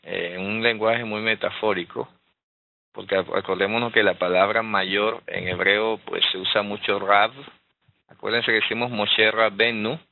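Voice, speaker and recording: A man's voice: lowish voice, fairly even intonation, moderate pace, vocal fry. Man teaching scripture over a tinny line. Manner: explanatory, frequent rhetorical "¿verdad?" and "eh" fillers. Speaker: Bible teacher. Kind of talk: Bible study teaching.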